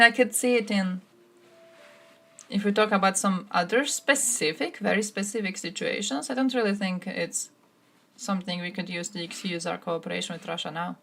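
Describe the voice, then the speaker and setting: A woman's voice: medium pitch, gravelly, fairly bright tone. A woman from Croatia streaming live, giving blunt, sarcastic political commentary and answering chat, swearing freely.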